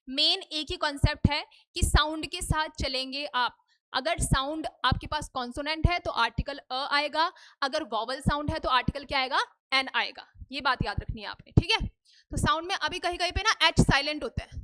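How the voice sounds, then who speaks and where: In a classroom, a female English teacher gives a grammar lesson in Hindi and English, asking students questions and then answering them herself while repeating "ठीक है?". Her voice is high, quick and a little bright.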